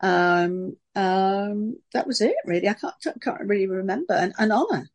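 Actress with a posh southern English accent, animated and chatty, telling stories in an interview. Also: female voice, medium pitch. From Sunderland, England. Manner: lively, animated storytelling with quick voice switches. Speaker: actress and voice artist. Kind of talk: casual interview chat.

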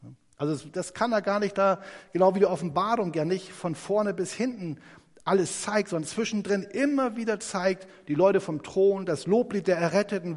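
A man giving a conversational Bible teaching sermon, lively and animated, often ending his points with a quick tag question. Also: high-pitched. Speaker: preacher. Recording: long hall reverb.

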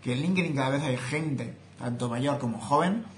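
A young man with a Spain Spanish accent, a social media creator, speaks straight to viewers in an opinionated, casual vlog monologue. His voice is medium-pitched at a moderate pace. The recording has roomy echo, faint ambience and slight background noise.

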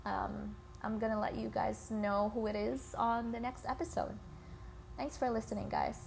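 Creaky-voiced woman podcasting over scratchy phone noise. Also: fairly high pitch, level tone, moderate pace, a little mellow. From Philippines. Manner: informal, swearing, addresses listeners as guys. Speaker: podcast host. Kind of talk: casual solo podcast intro. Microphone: iPhone.

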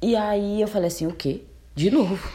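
A woman in her twenties telling a story in a casual, animated way, laughing often and acting out both sides of the talk. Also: medium pitch, moderate pace. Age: 20s. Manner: animated, laughing, quotes herself and her date. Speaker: storyteller recounting a bad date.

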